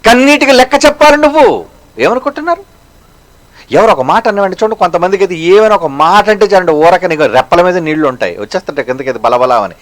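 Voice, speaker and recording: A man preaching a sermon as a pastor, firing rhetorical questions at the listeners. He slows down for emphasis and swings between loud and hushed. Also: high voice, animated.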